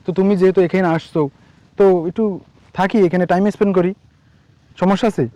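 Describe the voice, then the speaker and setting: A man playing a smooth-talking coaxing lover. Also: sits high, flat delivery, fast talker, warm tone, no echo, lightly acted. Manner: coaxing, wheedling. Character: smooth-talking young man luring his girlfriend. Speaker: actor in a short amateur drama. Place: outdoors among trees.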